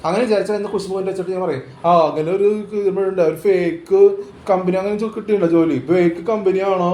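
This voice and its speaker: Rambling man, quick and high-pitched, casual talk, echoey room with faint hiss. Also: steady tone, warm tone. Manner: rambling, repetitive, hesitant restarts. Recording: roomy echo with faint ambient noise.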